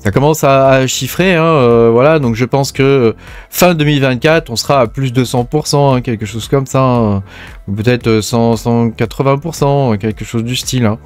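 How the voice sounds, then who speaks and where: A man's voice: medium pitch, normal speed. A man with a French accent hosting casual mining news commentary, talking in a hesitant way with lots of fillers. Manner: chatty, hesitant, frequent fillers. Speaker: crypto mining channel host.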